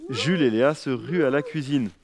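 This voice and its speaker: A man narrating a children's story with an expressive, lively reading. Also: mid-range voice, fairly quick, crowd noise.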